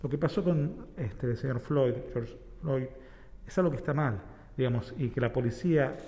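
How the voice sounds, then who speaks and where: Argentine guy, rabbi guest, warm low-key tone, talks in little stories, bit of hall reverb. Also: normal speed. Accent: Argentine Spanish. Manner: reflective, uses homely examples and parables. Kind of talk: explanatory talk-show conversation.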